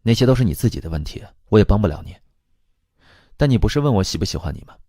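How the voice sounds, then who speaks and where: A man's voice: low voice, expressive, fairly quick, dark tone, dry recording, clean studio sound. A man voicing a cold, blunt older sister who talks in a cool, matter-of-fact way.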